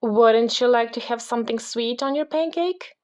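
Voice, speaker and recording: A woman's voice: fairly high pitch, normal speed, pitched above the performer's own voice, lightly acted. A woman doing a patient, busy storybook mother. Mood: instructive. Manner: calm, instructive.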